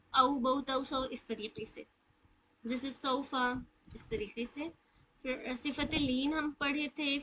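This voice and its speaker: Woman, tajweed teacher, high voice, crisp bright tone, patient explanations, drawn-out letter sounds. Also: poor audio. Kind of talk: live online class.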